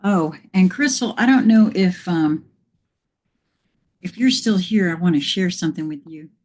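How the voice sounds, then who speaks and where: A woman's voice: fairly low pitch, measured pace, darkish tone. A woman hosting a casual live morning chat, a little out of breath, telling reflective, meandering spiritual stories. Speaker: live stream host.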